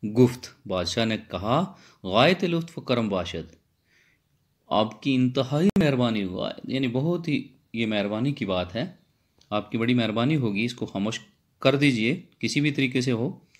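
A man's voice: mid-range voice, expressive, moderate pace. Man explaining Persian text line by line. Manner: reads each Persian phrase, then explains it again in simple words. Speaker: Persian lecturer.

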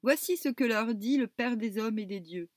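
A woman reading ancient epic poetry aloud with measured, deliberate phrasing. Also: a little high, dry recording, studio quality. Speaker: reader.

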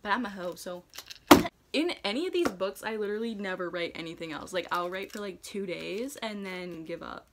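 A young American woman reading and chatting casually, with an animated, theatrical delivery and amused self-mockery. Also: mid-range voice, brisk, few pauses, very noisy. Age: young adult. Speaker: vlogger. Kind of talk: casual chat and reading own childhood diaries aloud. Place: dark room indoors at home.

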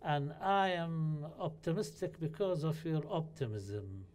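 A man from Syria, an audience member asking a formal, halting question into a handheld mic in a lecture hall. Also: on the high side, sing-song, darkish tone. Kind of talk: question from the floor.

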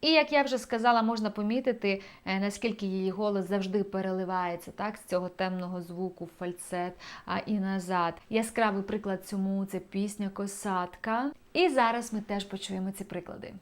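A woman's voice: mid-range voice, fairly even intonation, fairly quick. Enthusiastic woman vocal coach explaining. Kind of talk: video lesson on singing technique.

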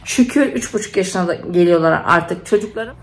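A middle-aged nurse and mom speaks at a moderate pace in a lowish voice, with slight background noise behind her. Talking casually to camera at home, she tells stories with feeling and plenty of fillers.

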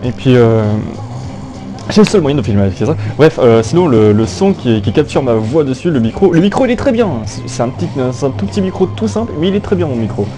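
A man's voice: medium pitch, very animated, a little fast, music in the background. A young man giving casual, jokey gameplay commentary through an old phone headset, rambling with many fillers and restarts. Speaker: gaming YouTuber.

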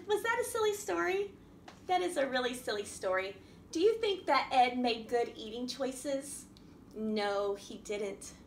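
At a wooden table in a small indoor room, a middle-aged woman with a high voice hosts a library storytime for small children. She reads and explains in an animated, sing-song way, asking simple questions. The camera sits a few feet away, and the room sounds echoey with faint background noise.

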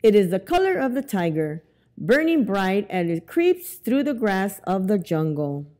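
A middle-aged woman reads a children's picture book aloud at storytime, her pitch animated and her pace unhurried. She reads expressively and deliberately to young children. The recording uses a lapel mic indoors in a library among the bookshelves.

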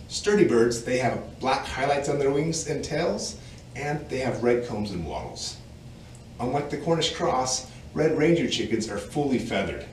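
A man's voice: mid-range voice, darkish tone, a little hiss or hum. A man in his forties, host of a hobby farm channel, giving a scripted, matter-of-fact explainer straight to camera. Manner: clear, informative and matter-of-fact. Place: outdoors in front of a wooden barn door. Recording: roomy, distant outdoor recording with faint ambience.

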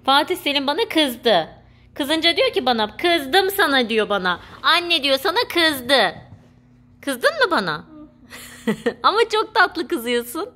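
High-voiced young mother cooing at her toddler. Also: very animated, measured pace, bright, forceful tone. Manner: cooing and playful, talking to a toddler. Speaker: mother and channel host. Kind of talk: family vlog chat with her child.

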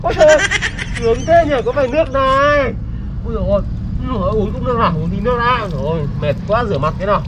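A man in a slapstick comedy skit, shouting and groaning in an exaggerated way outdoors. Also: extremely high pitch, lively intonation, rapid-fire, lo-fi sound, noisy background. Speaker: prankster friend in comedy skit.

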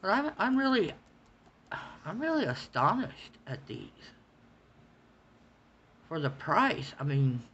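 A woman's voice: on the low side, big pitch swings, slow pace, long pauses, a bit bright, husky, highs cut off. A woman chatting casually about art supplies on her channel, rambling and stammering as she repeats herself. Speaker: coloring channel host. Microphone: phone.

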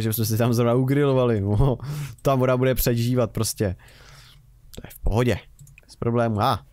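A man's voice: mid-range voice, a little mellow, dry recording. A young man giving rambling, casual commentary while playing a game, with wry remarks. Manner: chatty, rambling, wry self-mocking remarks. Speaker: Let's Play host.

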